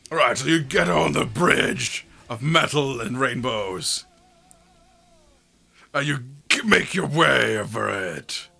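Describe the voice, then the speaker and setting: A man runs a tabletop game as its game master, narrating in a casual, joking way. His voice is forceful and bright with a good deal of fry, and he drops in sweary asides. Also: mid-range voice, expressive, takes it slowly, faint music behind.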